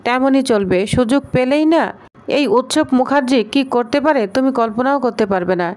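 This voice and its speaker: A woman's voice: high-pitched, moderate pace, darkish tone, close to an everyday voice. A woman voicing a sullen, vengeful scheming man who speaks in a muttering, resentful way.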